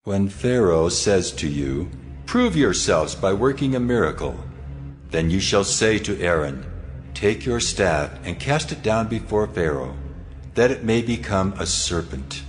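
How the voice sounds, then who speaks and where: Deep, commanding voice of God. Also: male voice, very animated, soft background music. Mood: solemn, commanding. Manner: solemn, authoritative, measured. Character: God, commanding solemn male divine voice. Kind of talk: dramatized scripture reading.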